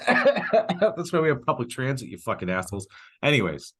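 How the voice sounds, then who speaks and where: On a casual comedic podcast, a co-host with a slightly rough, mid-range voice talks at a normal speed. He jokes bluntly and profanely, telling animated stories in which he plays out bits of dialogue.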